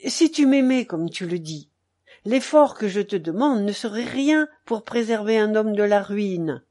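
Brief: a woman voicing a troubled husband in an audiobook, urgent and cold by turns, slow and lively in pitch. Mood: cold pressing. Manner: urgent, pleading then cold. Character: worried, pressing married man in debt. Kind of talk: audiobook reading.

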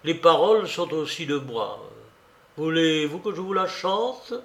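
An eager, self-pleased young gentleman composer, read by a man in a storybook reading. His voice sits fairly high and is delivered at a slow pace. It carries a roomy echo. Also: very animated, exaggerated voice. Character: charming young male amateur singer-composer.

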